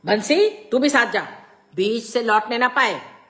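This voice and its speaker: A woman's voice: medium pitch, sing-song, takes it slowly. A woman doing a stern scolding father. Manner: scolding, loud. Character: stern, irritable middle-aged father.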